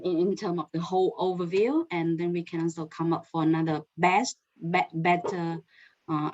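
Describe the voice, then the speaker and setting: A woman's voice: on the low side, darkish tone. A woman sharing her thoughts in an informal group discussion, with non-native English phrasing. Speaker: course participant. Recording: dull, lo-fi call audio.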